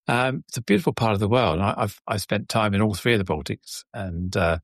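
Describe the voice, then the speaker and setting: A man's voice: on the low side, brisk, dry recording, studio quality. A man hosting an interview show, gracious and chatty, who thinks aloud as he talks. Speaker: podcast host.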